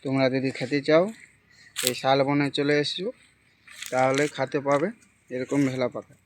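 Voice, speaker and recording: Casual vlog guide, mid-pitched, repeats short phrases, recorded outdoors with light ambient noise. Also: flat delivery, normal speed. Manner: repeats short phrases while pointing things out. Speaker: vlogger. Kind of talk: casual vlog commentary, showing viewers around. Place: outdoors in a forest.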